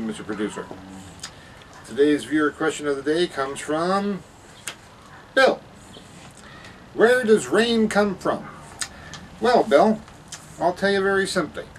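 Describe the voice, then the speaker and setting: A man's voice: mid-range voice, natural voice. A man playing a cheerful, careless science professor in a spoof 1950s kids' TV broadcast, explaining things in a folksy, rambling way. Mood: chipper, instructive. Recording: distant mic with room noise.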